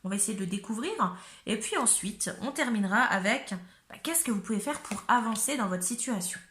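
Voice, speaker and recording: A hoarse woman from north-eastern France with a north-eastern French accent, giving a chatty, giggly tarot reading to her viewers, often searching for words. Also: a little high, animated, a little fast, a bit bright, echoey room. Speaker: tarot reader. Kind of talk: casual tarot reading to camera.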